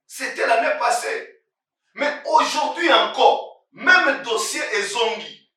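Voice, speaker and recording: Impassioned pastor in an echoey room. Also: male voice, very high-pitched, animated, takes it slowly. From Congo. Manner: emphatic and repetitive, rising into shouts. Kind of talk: impassioned sermon on current events. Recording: very echoey room, voice far from mic.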